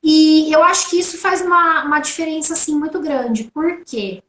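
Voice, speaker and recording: Brazilian woman, high voice, chatty guest telling little home stories, echoey room. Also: moderate pace. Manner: relaxed, anecdotal storytelling. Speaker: guest speaker. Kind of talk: conversational interview answers.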